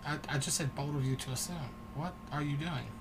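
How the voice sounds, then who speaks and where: A man co-hosts a relaxed podcast, keeping his voice low and sitting right up against the microphone. A faint hiss sits under his voice. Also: a little fast. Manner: low-voiced, talking very close to the mic. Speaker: podcast host. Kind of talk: casual chat. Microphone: close to the mic.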